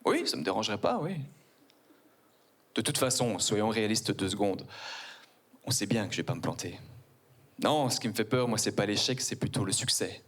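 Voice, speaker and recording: A man's voice: lowish voice, expressive, normal speed, long pauses, fairly bright tone. A man in his forties with a Belgian French accent, performing a stand-up comedy set on stage, ironic and mock-posh. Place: theater stage before a live audience.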